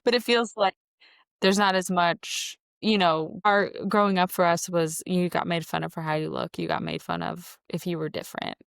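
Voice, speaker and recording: A woman's voice: on the low side, fairly even intonation, moderate pace, vocal fry, clean tone, no echo, studio quality. A woman in her thirties co-hosting a podcast, chatting casually and giving blunt opinions. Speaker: podcast co-host. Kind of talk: casual chat.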